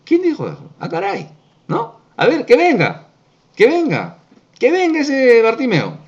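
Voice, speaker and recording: A man voicing a surprised figure who hears a shout in a crowd and calls the blind beggar over, with animated exclamations. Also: extremely high pitch, measured pace, dull audio, pitched above the performer's own voice, exaggerated voice.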